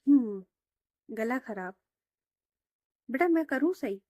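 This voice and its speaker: Brief: a woman playing a teasing, proud father, middle-aged, mock-stern, low-key and mellow. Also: lively intonation, slow, no echo, studio quality. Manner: mock-stern, playful scolding.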